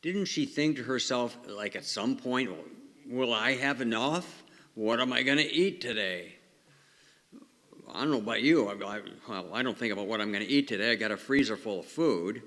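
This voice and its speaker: A man's voice: medium pitch, moderate pace, fairly bright tone. A man, a parish priest, reads the Gospel and preaches in a plain-spoken way, asking the congregation questions, with a long cathedral echo around his voice. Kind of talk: Gospel reading and conversational homily. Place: large church. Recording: long echo of a large church.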